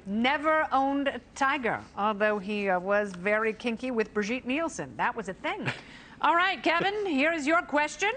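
Woman host, high and lively, bubbly, teasing game-show patter. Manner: bubbly, teasing, quick jokes and laughs. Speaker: talk show host running a quiz game. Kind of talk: playful game show hosting.

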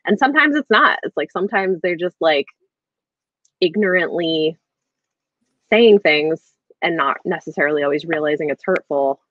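Speaking from home on a video call, this book club livestream host, a woman in her thirties, has a low-pitched, animated voice at a moderate pace with frequent pauses. Her casual talk about books is hesitant and rambling, as if thinking aloud. The audio is dry and a little dull, typical of video calls.

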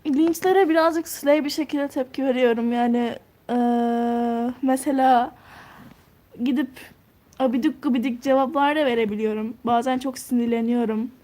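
A woman's voice: sits high, fairly even intonation, moderate pace, warm tone. A teenage girl live-streaming, chatting casually as she reads out and answers viewer comments while touring her game house. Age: teens.

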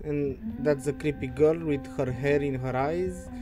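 A man's voice: on the high side, unhurried. A man giving casual, nervous commentary as he plays a horror game, sounding scared and swearing freely. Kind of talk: casual let's-play commentary. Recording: game music behind the voice. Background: video game music.

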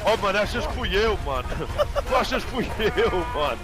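A man's voice: high-pitched, sing-song, moderate pace. A young man with a European Portuguese accent, swearing and urging his partner on as he streams a game. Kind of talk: casual gaming chat. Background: very loud game music.

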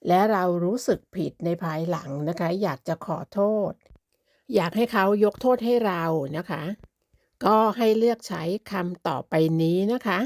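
A woman leads a beginners' language lesson in a slow, unhurried voice. She speaks politely and patiently, stretching out each example word. The sound is dry and close, with no room around it. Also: lowish voice, darkish tone, no room sound. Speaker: language teacher.

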